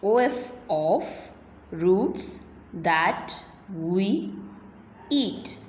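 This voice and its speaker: Slow, patient woman teacher, echoey room. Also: mid-range voice, animated. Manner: slow, spelling words letter by letter. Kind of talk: recorded online lesson for young children. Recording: dull, roomy recording with faint hum.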